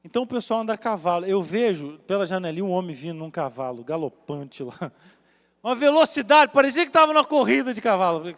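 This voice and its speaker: A male pastor with a Minas Gerais accent, preaching a sermon as a dramatic story, acting out voices and swinging from loud to hushed. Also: high voice, lively intonation, a little fast. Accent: Brazilian Portuguese, Minas Gerais. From Minas Gerais, Brazil. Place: large church hall. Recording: reverberant church hall with music.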